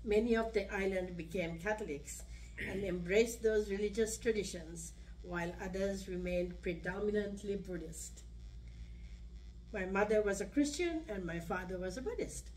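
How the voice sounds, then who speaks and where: A woman's voice: medium pitch, darkish tone. An older woman from Sri Lanka, reading her own personal story aloud at a podium in a senior center. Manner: measured, reads from a page. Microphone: podium mic. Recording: distant room recording, faint hum.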